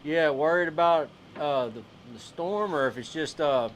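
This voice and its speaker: A man announcing catches at an outdoor fishing weigh-in, loud and chatty. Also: a little high, moderate pace, slight background noise. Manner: loud, chatty, coaching others. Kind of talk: live weigh-in commentary.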